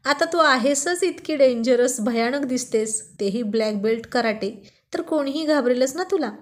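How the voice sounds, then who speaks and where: A woman's voice: sits high, normal speed, close to an everyday voice. A woman doing a teasing young husband. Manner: teasing, mock-scolding.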